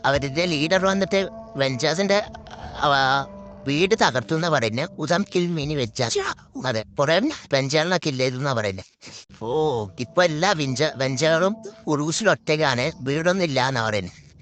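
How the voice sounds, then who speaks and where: A man giving live gameplay commentary as a gaming host, excitable and repeating words in quick bursts. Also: a little high.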